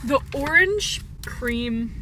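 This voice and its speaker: Excitable young woman, high and lively. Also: drawn-out words, noisy background. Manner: excitable, bursts into high squeals. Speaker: guest. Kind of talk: casual chat. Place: inside a parked car. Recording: distant mic, loud music behind.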